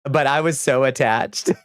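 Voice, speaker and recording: His pitch is fairly high and his tone fairly bright, captured in a studio-quality recording without echo. He's streaming a game, rambling and laughing easily, reading viewer messages aloud in casual chat while sounding slightly sniffly.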